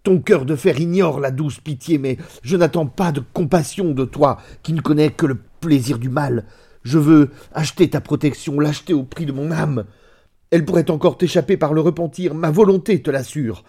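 A man's voice: fairly low pitch, fairly even intonation, moderate pace, hardly any pauses, warm tone, slightly rough. A man voicing a desperate, guilt-ridden husband who pleads in a raised, strained voice in a storybook reading. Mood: desperate pleading.

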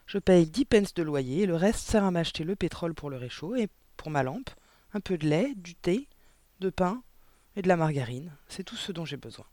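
A man reading a storybook aloud, voicing a gentle, timid young woman schoolteacher who speaks softly and earnestly. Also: fairly high pitch, animated, normal speed, no room sound, close to an everyday voice.

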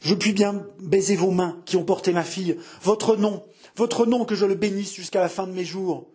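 A husky-voiced man reading as a frantic young mother in a storybook, pitched well above his own voice. She babbles and pleads in high, breathless bursts, feverish with grief and doting love. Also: normal speed, mellow. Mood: pleading.

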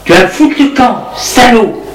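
A man's voice: high voice, takes it slowly, voice pushed up. A man voicing a scornful, furious woman who throws out a drunk lover, repeating her insults with contempt. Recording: echoey room with music behind.

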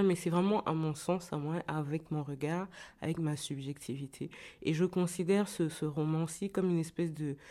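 A woman's voice: low voice, mellow. A woman novelist and former journalist who lives in Kinshasa, answering an interviewer's questions in a hesitant way, with many restarts and repeated words.

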